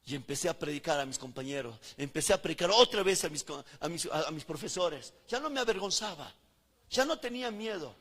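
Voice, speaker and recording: A man's voice: fairly high pitch, lively intonation, brisk, long reverb tail. Fervent preacher man. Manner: fervent, swings from loud to hushed. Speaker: pastor. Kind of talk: sermon.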